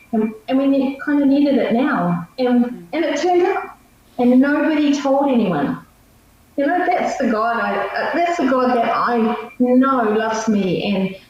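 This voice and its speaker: A woman's voice: fairly high pitch, darkish tone. A middle-aged woman with a New Zealand accent tells personal stories in a chatty, emphatic, conversational way. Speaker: missionary guest. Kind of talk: informal personal storytelling. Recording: echoey, muffled, distant, faint noise.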